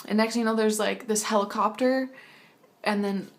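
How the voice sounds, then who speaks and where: A woman in her early twenties casually recounts a dream in a hazy, halting, rambling way, with loose slangy phrasing. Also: medium pitch, steady tone. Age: early 20s. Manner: acts out quoted exchanges in casual slangy speech.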